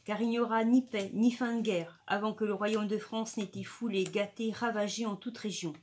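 A woman's voice: mid-range voice, fairly even intonation, normal speed, darkish tone, a little hiss or hum, lightly acted. A woman reading the lines of a fervent visionary monk with solemn, impassioned preaching.

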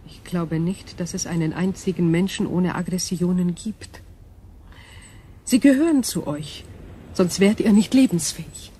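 In a science fiction radio drama, a woman voices an ancient alien cosmic intelligence, sounding calm, analytical and formal with a measured, detached delivery. Her pitch sits fairly low, there's slight background noise, and the voice stays close to an everyday one.

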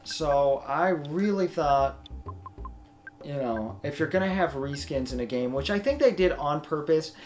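Hosting a let's play, a young man commentates casually in what he calls a monotone, rambling through explanations at a measured pace. His voice sits a little high, with soft music in the background.

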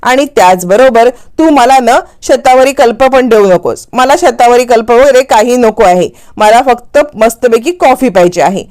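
A woman puts on a spoiled, scheming young wife from a family serial. Her demands come out petulant and high-pitched. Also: normal speed, few pauses, a little mellow, lightly acted. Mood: demanding.

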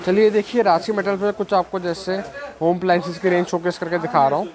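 A man's voice: high voice, level tone, quick pace. A man giving a walking tour of a market shop on a handheld phone camera, often repeating words as he points things out. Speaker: vlogger. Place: busy city market street and shop at night. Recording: street noise behind.

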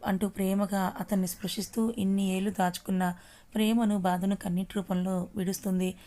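Mellow flat-toned Telugu woman storyteller. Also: mid-range voice, fairly quick. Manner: reads all characters' lines in her own voice. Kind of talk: reading a serialized story aloud.

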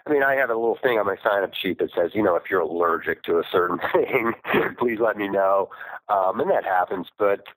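A man's voice: lowish voice, brisk, fairly bright tone, no room sound. A man on a flip phone call as a farmer guest in an interview, rambling and correcting himself, laughing often. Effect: talking over a flip phone call. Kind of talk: casual interview chat. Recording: dry phone-call audio.

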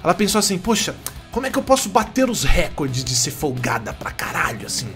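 A man's voice: sits high, sing-song, brisk, fairly bright tone, faint music behind. A young Brazilian man hosting a show, ranting indignantly and swearing while he reads out a story and acts out its quotes. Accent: Brazilian Portuguese. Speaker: host. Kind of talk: ranting commentary reading a story.

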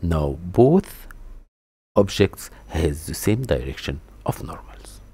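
Low, husky-toned male tutor, lively rises and falls, talking calmly through each step at the desktop mic. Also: takes it slowly. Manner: step-by-step, methodical, with restarts and a stumble over a word. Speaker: 3D modeling tutor. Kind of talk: screen-recorded software tutorial.

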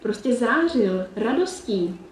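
A woman's voice: a little high, animated, background noise, lightly acted. Storybook little girl, read by a woman, eager and pleading, roomy far-off sound.

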